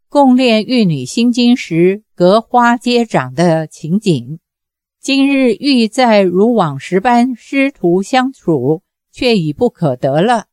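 A woman narrating a novel as an audiobook in a measured storytelling manner. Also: on the high side, a little mellow, no echo, clean studio sound.

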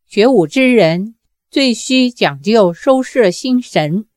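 A woman reading the lines of a steady, kind middle-aged martial hero in a slow, grave and earnest way. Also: fairly high pitch, no room sound, studio quality.

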